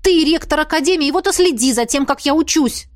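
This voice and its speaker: A woman's voice: sits high, fairly quick, no room sound, clean studio sound, voice pushed up, natural voice. A woman reading an audiobook, voicing a proud young female magic student who speaks sharply and indignantly.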